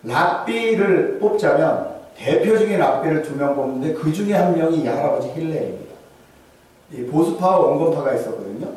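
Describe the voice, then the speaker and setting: A man preaching a sermon as pastor, lively with humor and rhetorical questions, in a church sanctuary. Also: on the high side. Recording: very echoey hall from far off.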